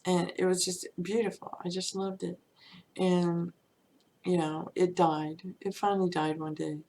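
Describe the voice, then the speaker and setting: A woman's voice: lowish voice, flat delivery, unhurried, mellow, a little hiss or hum, low-quality recording. A woman teaching manifestation through casual, chatty storytelling, often saying "you know" and laughing lightly.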